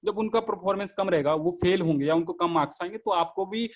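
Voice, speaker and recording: Male online instructor with a high voice, explains patiently, poses questions to the class and answers them himself. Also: fast talker. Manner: explanatory, asks and answers own questions, mixes English terms. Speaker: teacher. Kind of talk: online lecture on classroom communication.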